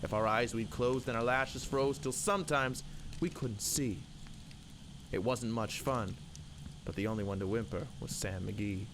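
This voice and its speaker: A man recites a narrative poem dramatically, with a theatrical, rhythmic and emphatic delivery in an unhurried mid-range voice. Loud background noise and ambience fill the recording.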